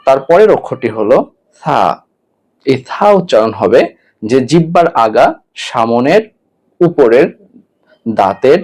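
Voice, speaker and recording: Male Quran tutor, slow and patient, repeats every letter three times for the learner. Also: medium pitch, a little mellow. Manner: gives step-by-step mouth instructions. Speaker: Quran recitation teacher. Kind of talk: online lesson on Arabic letter pronunciation.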